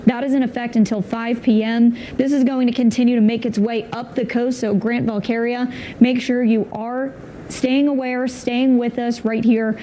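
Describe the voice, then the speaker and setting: A woman's voice: fairly high pitch, dark tone, slight background noise. A woman presenting live weather warnings on television in an instructive broadcast delivery.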